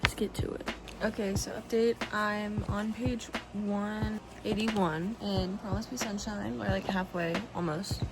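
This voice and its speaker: A young woman vlogging casually about her reading, chatty and excitable, saying "like" a lot. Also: mid-range voice, a little slow, very noisy. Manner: chatty and excitable, heavy use of "like". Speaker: book vlogger. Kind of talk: casual vlog chat. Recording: background music under the voice.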